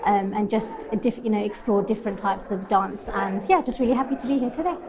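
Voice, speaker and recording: A woman's voice: medium pitch, fast, a crowd in the background. A woman dancer and mother speaking cheerfully, repeating herself with fillers. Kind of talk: interview at an event.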